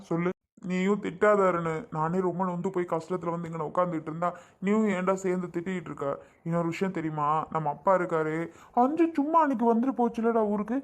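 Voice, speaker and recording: A high-voiced man acting out a down-on-his-luck family man in a short drama skit. He talks in a pleading, complaining way, as if pouring out his troubles. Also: close to an everyday voice.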